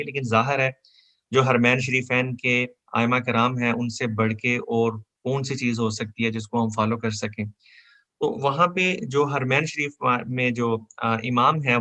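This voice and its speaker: A man teaching an online Quran memorization lesson, who explains pronunciation step by step and then recites each verse in a slow, drawn-out chant. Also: medium pitch, pushed and bright.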